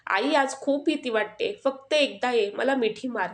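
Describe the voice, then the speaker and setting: A woman voicing a frightened, grieving little boy in a storybook tale, pleading tearfully and slowly. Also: a little high, pitched above the performer's own voice. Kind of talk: storybook narration.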